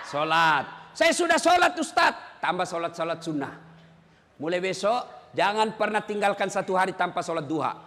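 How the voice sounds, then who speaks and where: High, bright-voiced man preaching with humor. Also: big-room sound, slight background noise. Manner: animated, joking, sometimes shouting. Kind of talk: humorous sermon.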